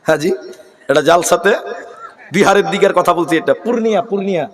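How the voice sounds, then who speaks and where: A male preacher from Assam with a high voice, delivering an animated, humorous waz sermon at an open-air gathering. He keeps calling on the crowd to answer, speaking into a stage microphone whose sound echoes long through the space. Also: brisk, a little hiss or hum. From Assam, India. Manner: humorous, animated, calls on audience. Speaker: Islamic preacher.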